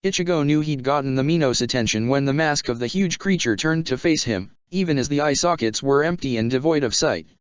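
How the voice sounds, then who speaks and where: A man reading a fan fiction story aloud in a steady, even way. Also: mid-range voice, fairly quick, hardly any pauses, smooth, no echo. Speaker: narrator. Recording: dull lo-fi sound.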